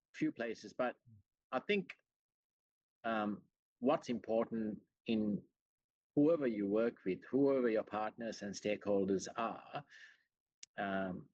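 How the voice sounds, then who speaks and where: His voice sits on the low side and is a little mellow. A middle-aged chief executive, born in Sri Lanka and a longtime Australian resident, he takes interview questions over a video call in an earnest, conversational, explanatory manner, frequently saying "you know." The audio is roomy and dull.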